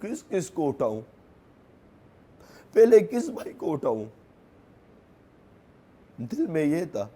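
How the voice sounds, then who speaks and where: A young grieving man with a Pashto accent, a native Pashto speaker, recounting events in an interview in halting, broken phrases that repeat themselves. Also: a little high, mellow, breathy edge. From Khyber Pakhtunkhwa, Pakistan.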